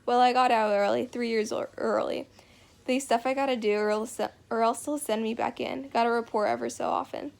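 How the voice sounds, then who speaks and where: A woman's voice: fairly high pitch, steady tone, fairly quick, gravelly, darkish tone. A woman reading the lines of a blunt, plainspoken young man just out on parole, in a drawling rural dialect. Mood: plain.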